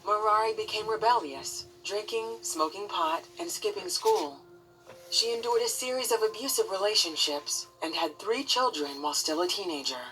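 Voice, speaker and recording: A woman reading scripted documentary narration in a measured, composed way. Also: medium pitch, fairly bright tone, poor audio. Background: music bed.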